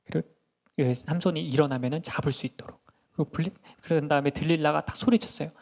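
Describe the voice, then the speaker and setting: A man, a children's pastor, telling a Bible story in a lively sermon and asking the children questions. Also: fairly high pitch, quick pace, creaky. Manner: animated, asks children questions.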